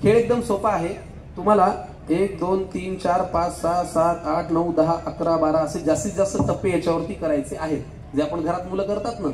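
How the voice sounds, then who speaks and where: A man hosting a live stage game, joking with contestants and counting aloud quickly. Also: sits high, steady tone, darkish tone, a little hiss or hum. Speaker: game show host. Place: event hall stage. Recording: echoey hall, faint crowd murmur.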